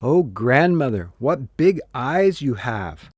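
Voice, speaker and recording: A man voicing a sweet, nervous little girl in a classroom storybook reading, raising his voice gently. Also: mid-range voice, very animated, slow, breathy edge, dry recording, full character voice. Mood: wondering.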